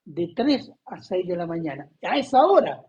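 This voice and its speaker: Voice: mid-range voice, big pitch swings, normal speed, darkish tone. A Chilean preacher giving a conversational Bible study sermon, who keeps asking the audience questions and coughs often. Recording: dull lo-fi recording.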